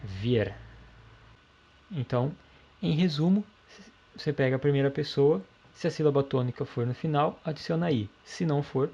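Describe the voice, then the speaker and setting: Man teaching grammar, mellow husky voice, calm explanatory delivery, dull lo-fi recording. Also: fairly high pitch, moderate pace. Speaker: language teacher.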